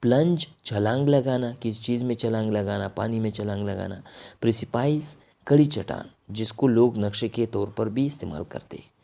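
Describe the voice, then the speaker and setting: A man's voice: fairly low pitch, gravelly, warm tone. A man with a Pakistani accent teaching a vocabulary lesson. He says each word, then explains its meaning.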